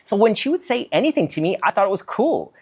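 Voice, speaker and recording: A man's voice: high voice, fast talker. A man, a physician, giving a solo talk, reading from notes and acting out example lines. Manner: animated, acts out quoted lines, reads from notes. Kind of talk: solo talk on conversation skills.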